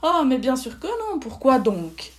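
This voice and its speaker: A friendly little fox with a squeaky, plaintive voice that leaps up high, as a woman reading a children's story plays it. It sounds gentle and eager to be liked. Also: big pitch swings, measured pace.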